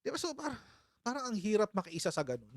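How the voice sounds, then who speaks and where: A man's voice: high-pitched, wildly swooping pitch, quick pace, dry recording, clean studio sound. A man hosting a casual political commentary live stream, chatty and sarcastic, often breaking into laughter and mocking his critics. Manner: sarcastic, mock-impersonates critics.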